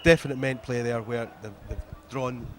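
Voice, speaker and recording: A man's voice: medium pitch, fairly even intonation, normal speed, slight background noise. A man giving live American football commentary as a co-commentator. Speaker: sports co-commentator.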